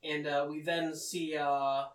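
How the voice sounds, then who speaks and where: A man casually summarizing a manga story, talking haltingly with many fillers. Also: fairly high pitch, little pitch movement. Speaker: manga recap commentator. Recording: roomy, distant mic.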